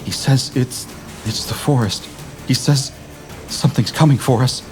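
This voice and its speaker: A man's voice: medium pitch, a little slow, soft background music, pitched above the performer's own voice, lightly acted. A man playing a nervous, hesitant foreman. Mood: uneasy. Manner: hesitant, quiet. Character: nervous male work foreman.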